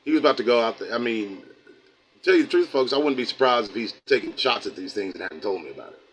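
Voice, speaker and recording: A man's voice: mid-range voice, expressive, quick pace, poor audio. Folksy American man preaching to his stream. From United States. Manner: folksy, rambling, drifts into preaching. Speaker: host of a livestream channel. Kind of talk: casual livestream talk, reading chat.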